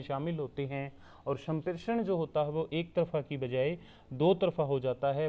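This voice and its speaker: Man lecturing over a tinny line. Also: a little high. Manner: steady explaining, repeats points for note-taking. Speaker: teacher-training instructor. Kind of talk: explanatory online lecture. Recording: tinny phone-like recording.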